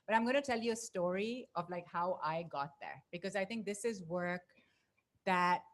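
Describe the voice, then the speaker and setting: A woman's voice: lowish voice, moderate pace. A middle-aged woman from Pakistan, speaking on a panel before an audience, telling her story earnestly into a handheld mic. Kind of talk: panel talk. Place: event space with audience.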